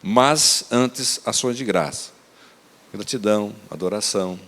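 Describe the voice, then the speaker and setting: Emphatic preacher in a reverberant church. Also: male voice, fairly low pitch, measured pace. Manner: emphatic preaching, swings between raised appeals and soft asides. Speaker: pastor. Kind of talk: church sermon. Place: church service.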